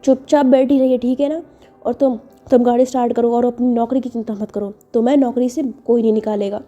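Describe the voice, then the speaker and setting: A bossy, protective young woman who snaps out orders and scolds anyone who argues, voiced by a woman storyteller. Her voice sits high and sounds mellow and dark in tone. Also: steady tone, brisk, lo-fi sound, close to an everyday voice. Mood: commanding. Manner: commanding, scolding.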